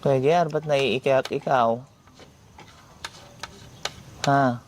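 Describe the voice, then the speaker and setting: A man hosting a vlog, gently asking question after question. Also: medium pitch, fairly even intonation, drawn-out words. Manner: gentle, repetitive coaxing questions. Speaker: vlogger host. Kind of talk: casual vlog chat, coaxing questions. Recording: noisy background.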